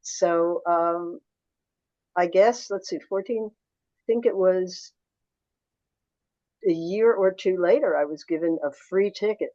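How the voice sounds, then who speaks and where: Older woman, interview guest, low voice, reflective anecdotes, dull muffled sound. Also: takes it slowly, pauses often, dark tone, no echo. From suburban Philadelphia. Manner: reflective, anecdotal, with restarts and quoted dialogue. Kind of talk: storytelling interview answers.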